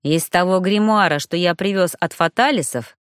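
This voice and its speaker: A woman voicing a young male dark mage who speaks low, restrained and cold. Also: moderate pace, smooth, no room sound, clean studio sound, natural voice. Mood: cold anger.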